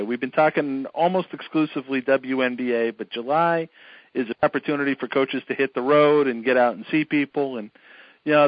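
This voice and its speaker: A man's voice: mid-range voice, no room sound, lo-fi sound. A man hosting a podcast interview, chatty and joking, with frequent laughs. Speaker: podcast host.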